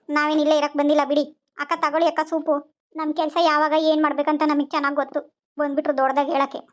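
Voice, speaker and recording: An actress playing a sharp-tongued young second wife who talks in a sulky, complaining way. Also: female voice, high-pitched, flat delivery, quick pace, highs cut off, lightly acted.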